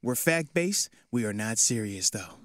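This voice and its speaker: A man hosting sports radio, opening the show like a showman ringmaster with drawn-out, hyped greetings. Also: on the low side, expressive, a bit bright, no room sound. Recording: music playing behind the voice.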